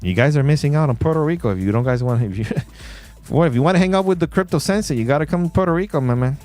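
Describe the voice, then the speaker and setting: A man hosting a casual livestream, playful and laughing often while he reads chat shout-outs. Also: on the high side, lively intonation, quick pace, soft background music. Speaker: livestream host. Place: in Puerto Rico.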